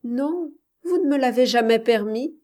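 A woman's voice: on the high side, lively intonation, unhurried, darkish tone, pitched above the performer's own voice. A woman reading the part of a proud young countrywoman who answers defiantly and sarcastically, in an audiobook.

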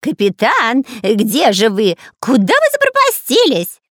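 Cowardly storybook pirate spy, shrill and panicky; woman narrator voicing him. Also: huge pitch swings, a little slow, fairly bright tone, no room sound, studio quality, heavily acted. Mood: boastful. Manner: whining, panicky, stammering. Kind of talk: audiobook character voice.

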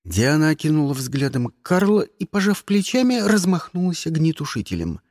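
Lively dry-voiced audiobook reader. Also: medium pitch, moderate pace, dry recording. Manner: lively, expressive reading. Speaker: audiobook narrator. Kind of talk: first-person audiobook narration.

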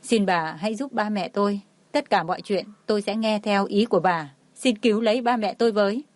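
A woman's voice: mid-range voice, fairly quick, no echo, lightly acted. A woman reading the lines of a desperate young woman in a storybook who pleads for her family. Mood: pleading.

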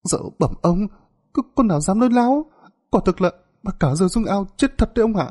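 A man voicing a panicked young male servant who stammers and rushes his words in a spoken folk tale. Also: sits high, animated, warm tone, pitched above the performer's own voice. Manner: stammering, breathless rushing.

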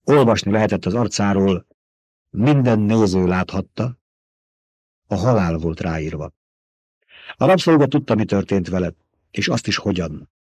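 A man reading an audiobook in measured, even storytelling narration. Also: low voice, husky, no echo. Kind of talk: scripted narration.

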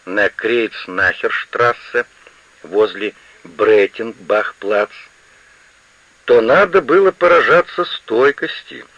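A man narrating a novel in an expressive, animated reading style, on a muffled lo-fi radio recording. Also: on the low side, no echo. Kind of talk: literary audiobook narration.

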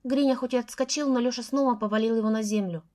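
A woman's voice: on the high side, steady tone, fast talker, a little mellow. Woman narrating a novel in first person. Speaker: audiobook narrator.

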